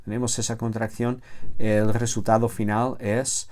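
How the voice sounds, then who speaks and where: A man teaching a grammar lecture, slow and halting, with many self-corrections and filler sounds, drawing out the word forms he spells. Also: lowish voice, flat delivery, darkish tone. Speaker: theology teacher.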